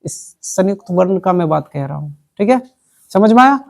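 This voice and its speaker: A woman's voice: on the low side, expressive, moderate pace, gravelly. A woman teacher, explaining a reading lesson to a classroom of children, patient and repetitive, constantly checking whether they have understood. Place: classroom with pupils.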